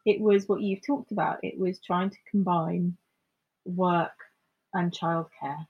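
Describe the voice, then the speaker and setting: A woman co-hosting a podcast in casual chat, speaking in a reflective, measured way and agreeing often. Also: on the low side, steady tone, creaky, husky, highs cut off. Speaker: podcast co-host.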